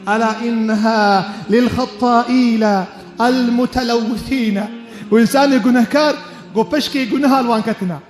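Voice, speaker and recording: A man preaching a Friday sermon, fervent, with sung Arabic invocations. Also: extremely high pitch. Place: mosque. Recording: echoey mosque hall, faint music.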